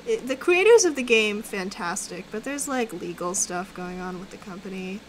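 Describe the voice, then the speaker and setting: A woman streaming a game and chatting casually, excitable and teasing, with sudden loud exclamations. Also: mid-range voice, normal speed, noisy background. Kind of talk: casual gaming chat.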